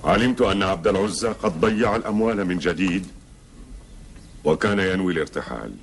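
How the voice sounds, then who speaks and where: A man's voice: deep voice, brisk. An actor playing a protective, earnest middle-aged Bedouin nobleman in a historical TV drama, speaking formal Arabic with emphasis. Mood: consoling. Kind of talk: solemn classical Arabic historical TV drama acting. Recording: old TV soundtrack with background noise.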